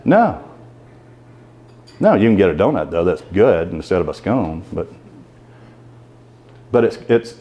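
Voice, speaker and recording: A guest speaker at a club meeting gives a conversational talk on leadership, putting questions to the audience as he goes. His voice is lowish and somewhat dark.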